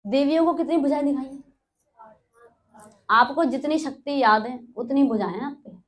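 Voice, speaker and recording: Higher-voiced woman teaching a class. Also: normal speed. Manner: quizzes listeners, repeating and recapping. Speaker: spiritual teacher. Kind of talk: storytelling lesson to a class. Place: in front of a class.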